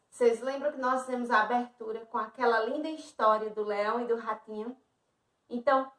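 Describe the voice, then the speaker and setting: High-voiced Brazilian teacher in an echoey room. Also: female voice, a bit bright, distant mic. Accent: Brazilian Portuguese. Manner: slow, sing-song, encouraging, calls herself auntie. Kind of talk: online lesson for young children. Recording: roomy echo, a bit off-mic.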